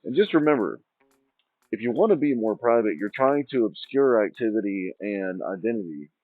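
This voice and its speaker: A man's voice: lowish voice, expressive, normal speed, no echo. A man hosting his own channel, talking in an informal, meandering ramble that restarts thoughts mid-sentence. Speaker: channel host. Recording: tinny phone-like sound, dry, faint music.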